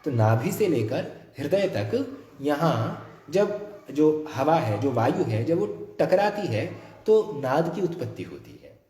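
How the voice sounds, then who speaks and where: A man's voice: a little high, sing-song, mellow, reverberant. A man giving an academic lecture, explaining step by step and counting off his points. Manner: explanatory, deliberate, enumerating points. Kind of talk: academic lecture on music theory.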